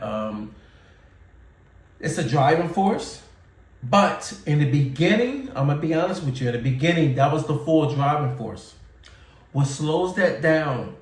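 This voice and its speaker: A man's voice: medium pitch, recorded from a distance. A man in his forties giving candid, casual advice to camera, repeating himself and using fillers. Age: 40s. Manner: candid, repetitive, conversational with fillers. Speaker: YouTuber. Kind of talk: casual talking-head advice. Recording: roomy sound, mic set back.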